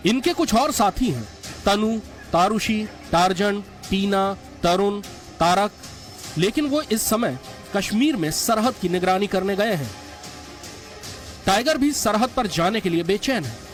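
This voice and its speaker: A man's voice: sits high, animated, unhurried. A man reading scripted documentary narration as the narrator. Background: music.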